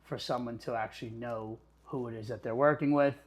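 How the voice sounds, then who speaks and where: Upbeat interview host, man, mid-pitched, friendly run-on phrasing. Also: brisk. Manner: upbeat, flattering, talks in long run-on lists. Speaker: podcast host. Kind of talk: conversational interview.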